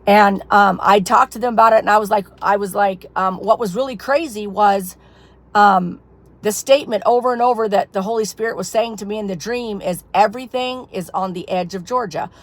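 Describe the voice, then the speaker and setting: This is a woman ministry leader giving her followers a loose, meandering testimony on camera while losing her voice. She talks a little fast at medium pitch, filling the story with fillers throughout.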